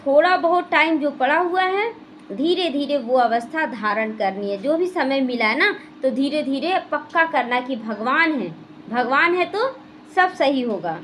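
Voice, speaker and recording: High-voiced woman teaching a spiritual class. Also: lively intonation, measured pace, a bit bright, slight background noise. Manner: explanatory, asks the class questions and answers them. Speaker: Brahma Kumaris class teacher. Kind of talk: Hindi spiritual class explaining the day's murli. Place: small gita pathshala classroom.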